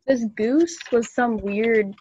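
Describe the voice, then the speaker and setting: A woman's voice: a little high, takes it slowly, warm tone, husky, dry recording, dull audio. A young woman casually explaining things to a club meeting, chatty and loose with ums and small laughs, over a video call. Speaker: student club presenter.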